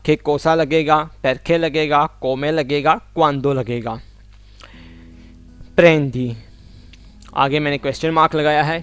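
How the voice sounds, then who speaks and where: Slow, careful man teaching a language. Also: on the high side, a bit bright, smooth, no echo. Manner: repeats phrases slowly and carefully, explains in plain terms. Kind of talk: slow spoken language lesson.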